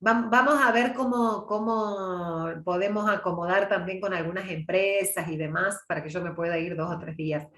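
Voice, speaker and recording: A middle-aged woman from Córdoba with a mild Argentine accent teaches a public speaking class over a video call, her fairly low voice holding a fairly even intonation at normal speed with hardly any pauses. The sound is roomy. Chatty and warm, she treats it as a casual lecture and answers chat questions by name.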